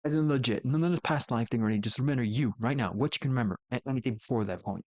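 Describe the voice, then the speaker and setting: As a VTuber streamer, a man with a mid-pitched, slightly mellow voice rambles through his opinions very fast, doubling back and correcting himself while he thinks aloud. The sound is close and dry.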